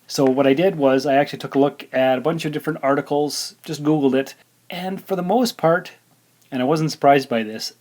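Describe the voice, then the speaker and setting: A man hosts his podcast solo, chatting in a casual, rambling way full of fillers. His voice is medium-pitched with a darkish tone.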